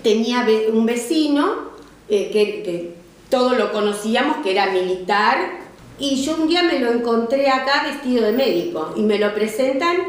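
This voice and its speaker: A woman's voice: a little high, lively intonation. Argentine woman in a very echoey room. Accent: Rioplatense Spanish. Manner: measured, with hesitations. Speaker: hospital worker interviewee. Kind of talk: oral history recollection.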